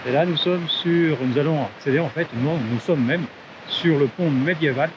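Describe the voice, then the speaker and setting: A man's voice: on the high side, moderate pace. A man from France guiding viewers through a town in a casual travel vlog, thinking aloud with many fillers and restarts, recorded outdoors on a handheld camera. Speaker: travel vlogger. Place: outdoors in town streets and on a bridge. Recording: muffled with loud outdoor noise. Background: outdoor ambience and wind.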